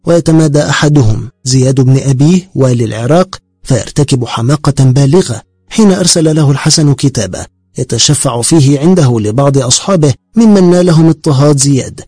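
A man narrates a historical book in a measured, formal reading voice. His pitch sits a little high, yet the tone stays mellow and dark. The close recording is dry, with no room sound. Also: dry recording, soft background music. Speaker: audiobook narrator. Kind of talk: scripted narration.

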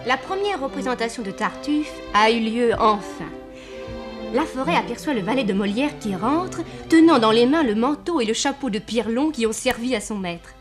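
A woman's voice: fairly high pitch, lively intonation, moderate pace, music in the background. A woman narrating a play from a script, describing the scenes.

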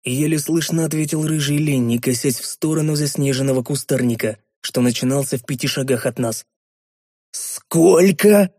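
Brief: male audiobook narrator, measured storytelling, dry close mic. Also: medium pitch, steady tone, darkish tone, no room sound. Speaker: audiobook reader. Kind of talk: scripted narration.

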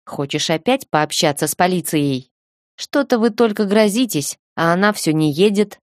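A woman's voice: lowish voice, animated, moderate pace, no room sound, clean studio sound, close to an everyday voice. A woman voicing an arrogant, hot-tempered male director who threatens and sneers, in an audiobook reading. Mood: hostile. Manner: rude, threatening outbursts.

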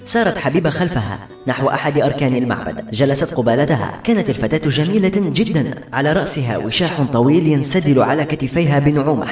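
A man narrating a novel in a brisk, steady storytelling manner. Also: a little high. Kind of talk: scripted narration. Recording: echoey room with faint music.

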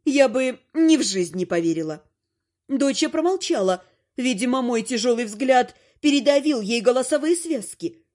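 Brief: woman audiobook narrator, high voice, theatrical and lively. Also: normal speed. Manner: lively, theatrical first-person reading.

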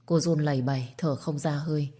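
A woman reads a dramatic family story aloud with steady, measured narration. Her voice sits on the lower side and moves the scenes along evenly. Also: breathy edge. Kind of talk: scripted narration.

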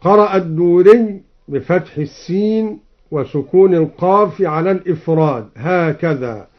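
A man presenting Quran recitation readings, explaining each variant and then chanting it in a slow melodic style, on an old radio recording. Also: sits high, highs cut off. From Egypt.

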